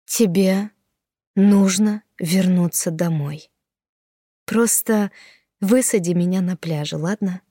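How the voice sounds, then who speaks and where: A woman voicing a tired young woman who answers flatly and coldly. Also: on the high side, moderate pace, no echo, studio quality, pitched above the performer's own voice, close to an everyday voice. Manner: flat, cold, tired. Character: weary young woman, cold and detached.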